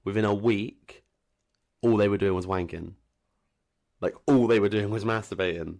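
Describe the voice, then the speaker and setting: Low-voiced young southern English man bantering. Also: moderate pace, gravelly, a little mellow. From Wiltshire, England. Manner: slangy, sweary, jokey. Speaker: podcast co-host. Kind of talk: casual banter.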